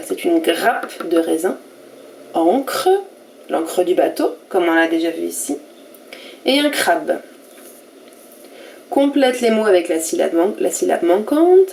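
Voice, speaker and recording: A woman teacher walks young pupils through a reading worksheet, speaking very slowly and sounding out letters one at a time. Her voice sits at a middle pitch. There is a faint hiss in the recording. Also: creaky, a little mellow. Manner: slow and careful, spelling out letters and syllables one by one. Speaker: primary school teacher. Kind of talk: recorded reading lesson for first graders.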